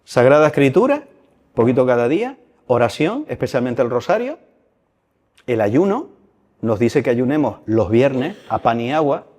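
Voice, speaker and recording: A man's voice: medium pitch, big pitch swings, normal speed, a little mellow. A man giving a colloquial, humorous religious talk to a youth gathering in a crypt. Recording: long hall reverb.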